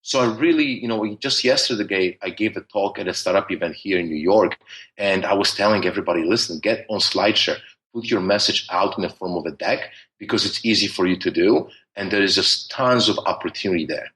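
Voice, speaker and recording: A podcast guest from Poland, a man with a thick Polish accent, speaks at length in a conversational interview with many restarts and fillers. His low-pitched voice is a bit bright and fairly quick, and the recording sounds rough.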